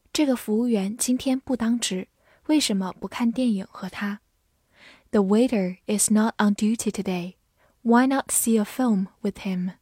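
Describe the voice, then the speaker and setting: A woman teaching English vocabulary, saying each word twice and then listing its meanings in a measured, drilling way. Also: on the high side, a little mellow, breathy edge, dry recording, studio quality.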